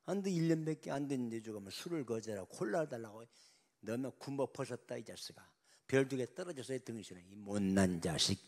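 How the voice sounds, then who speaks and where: Give me a man putting on an angry middle-aged army general, contemptuous and rough, scolding a junior officer in a sermon story. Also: mid-range voice, expressive, brisk, darkish tone. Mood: scornful.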